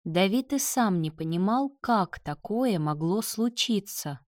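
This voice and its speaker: A woman reading a novel aloud in calm, even scripted narration. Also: mid-range voice, unhurried, dry recording, clean studio sound. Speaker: audiobook narrator.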